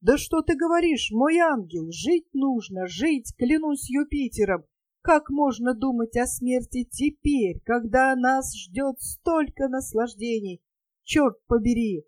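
A woman's voice: high voice, lively intonation, slow pace, a little mellow, no room sound, pitched above the performer's own voice. Brief: woman reading a smug flirtatious captain, glib vows, storybook audiobook. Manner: smooth-talking, self-satisfied, grandly vowing.

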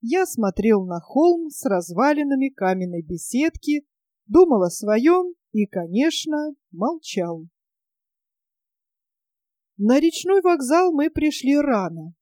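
A woman narrating a story in a measured, expressive reading. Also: high-pitched, no echo, clean studio sound.

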